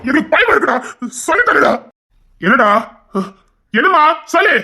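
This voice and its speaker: A woman's voice: high-pitched, very animated, normal speed, gravelly, voice pushed up, heavily acted. A woman voicing an anxious family man who begs for news, pleading and tearful, in an audio story. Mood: frantic. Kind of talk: audio story role-play.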